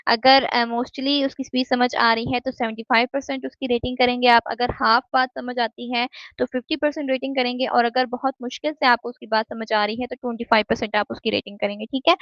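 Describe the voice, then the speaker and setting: A woman's voice: on the high side, steady tone, a little fast, fairly bright tone, no echo. Woman lecturer checking "theek hai?" often. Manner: explains step by step, keeps asking "ठीक है?"; mixes English terms into Hindi-Urdu speech. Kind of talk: recorded lecture. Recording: dull, dry lo-fi recording.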